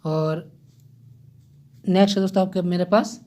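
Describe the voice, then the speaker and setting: A man talking his viewers through an exam-prep lesson in an easy, chatty way. He keeps turning to the audience with little "okay?" checks. He pauses now and then to find his place. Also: sits high, fairly even intonation, mellow. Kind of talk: casual general-knowledge lesson.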